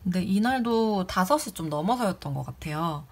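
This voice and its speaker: Her voice low-ish, expressive, and brisk, a woman who once clerked at a community office casually tells about a rude visitor. She sounds indignant and mimics the people she quotes in raised voices.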